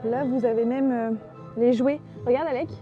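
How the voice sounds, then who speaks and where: Woman, casual vlog narration, enthusiastic, higher pitch, faint music behind. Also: steady tone, normal speed, phone-quality sound. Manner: chatty, enthusiastic, trailing fillers. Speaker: travel vlogger.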